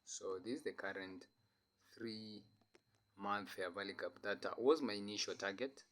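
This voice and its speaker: Sick with the flu, a male trading analyst goes over charts on a casual screen share, his lowish, fairly bright voice moving at a moderate pace. He hesitates often, falling back on fillers and starting sentences over.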